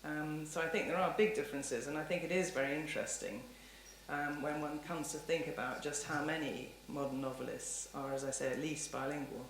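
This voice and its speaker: A woman lecturer with a low voice speaks fairly quickly as she takes audience questions, her answers thoughtful, discursive and full of hedges. She's in an indoor lecture hall, and the recording sounds roomy, with faint background noise.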